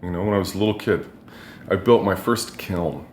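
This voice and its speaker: Low-voiced man in an echoey studio. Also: fairly quick, slight background noise. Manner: relaxed and chatty, with many fillers. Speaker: artist. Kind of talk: casual personal storytelling. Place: his art studio. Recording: roomy studio echo.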